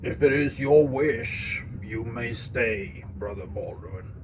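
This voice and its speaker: A man voicing a stern older warrior-priest who makes slow, solemn pronouncements. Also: medium pitch, slight background noise, lightly acted, low-quality recording. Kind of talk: audiobook-style story narration.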